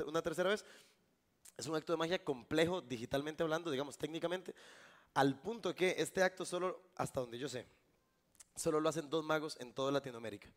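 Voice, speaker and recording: A Costa Rican man performing a live magic trick on stage, joking with a volunteer and the crowd. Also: a little high. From Costa Rica. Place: live event before an audience.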